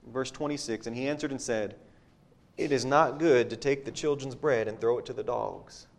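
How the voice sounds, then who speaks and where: A man's voice: mid-range voice, moderate pace, gravelly. Preacher man asking rhetorical questions. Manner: rhetorical questions, repeats words; reads scripture aloud. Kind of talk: sermon.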